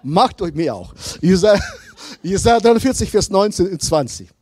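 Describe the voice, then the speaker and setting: Animated high-voiced preacher, slow and emphatic. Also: male voice, dry recording. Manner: slow, emphatic preaching that swings from loud to hushed. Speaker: pastor. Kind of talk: sermon.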